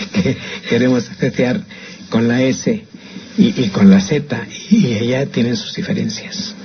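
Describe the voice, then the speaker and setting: On a slightly muffled radio broadcast, an older man with a Mexican Spanish accent chats opinionatedly about language as host, frequently restarting phrases. He speaks slowly in a medium-pitched, slightly rough voice with lively intonation.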